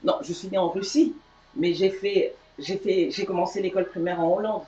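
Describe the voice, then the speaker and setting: Femme douce et hésitante, voix lointaine. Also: female voice, on the low side, normal speed. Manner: soft-spoken, hesitant, tells a childhood story. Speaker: co-host. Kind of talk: casual storytelling in live chat. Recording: distant, roomy, dull sound.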